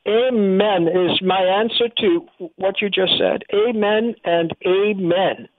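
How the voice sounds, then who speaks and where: Smooth-voiced woman hosting a call-in radio show. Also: medium pitch, takes it slowly, dry recording. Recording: dry, phone-like narrow broadcast sound.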